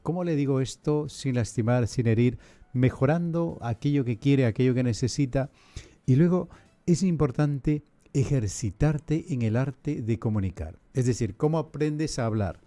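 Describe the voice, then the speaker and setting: Man with a mellow, measured delivery. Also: medium pitch. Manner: rhetorical questions, measured emphatic delivery. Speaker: priest and podcast host. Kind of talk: didactic podcast talk.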